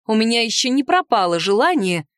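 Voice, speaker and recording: A woman giving expressive first-person narration of a novel as an audiobook reader. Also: a little high, a little fast, dry recording, clean studio sound.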